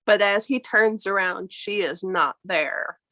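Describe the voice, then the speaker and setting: A woman narrating a tabletop game as game master, slow and dramatic. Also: medium pitch, bright, forceful tone, no echo.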